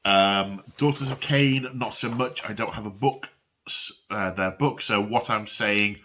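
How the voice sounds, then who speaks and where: Fairly low-pitched and a little slow, with a sharp tone, a man hosts a casual unboxing vlog for his miniature wargaming hobby channel while coughing through a cold. He rambles, restarts and makes self-deprecating asides, filmed on a phone camera.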